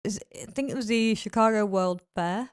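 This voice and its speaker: A woman's voice: medium pitch, normal speed, clean tone. Chatty laughing woman guest. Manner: laughs often, chatty, explains history. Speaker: podcast guest, burlesque performer. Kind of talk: casual chat.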